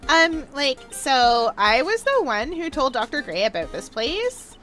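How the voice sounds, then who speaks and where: A woman's voice: high voice, sing-song, measured pace, sharp tone, faint music behind, full character voice. A woman voicing a ditzy, bubbly sorority-girl college student in a video game, with a Valley Girl accent and statements that lilt like questions. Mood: chatty. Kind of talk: video game voice-over read-aloud.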